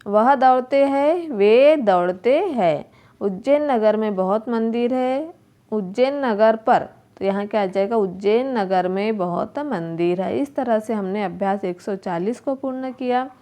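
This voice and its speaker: A woman's voice: medium pitch, dark tone. A woman teacher going through workbook exercises, repeating each word and asking questions aloud. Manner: slow, repeats words and asks questions to the pupils. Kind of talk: workbook lesson explanation.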